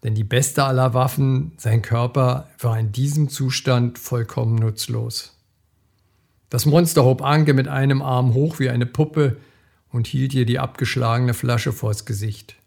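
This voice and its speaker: A man reading a thriller aloud in a measured, dramatic storytelling manner. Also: medium pitch, steady tone, vocal fry, darkish tone. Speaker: reader.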